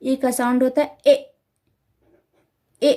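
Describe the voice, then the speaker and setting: A woman teaching letter sounds to parents, repeating each sound carefully and slowly. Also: high voice, steady tone, warm tone. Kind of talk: slow instructional explanation.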